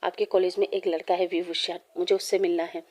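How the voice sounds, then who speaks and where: A woman narrator doing a powerful young mafia boss from a spoken storybook, coolly insistent and hard to refuse. The voice is mellow and low in brightness. It stays level, with little rise and fall. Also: level tone, a little fast, natural voice.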